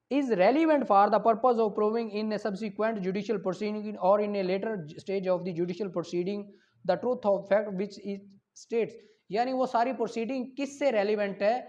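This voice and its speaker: A man with a Pakistani accent and a high, slightly mellow voice lectures on law, reading out articles and explaining them through rhetorical questions and examples. The audio is dull and lo-fi.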